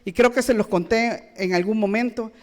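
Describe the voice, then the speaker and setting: A woman's voice: fairly high pitch, normal speed, a little mellow. A woman pastor, preaching a sermon with rhetorical questions and playful asides.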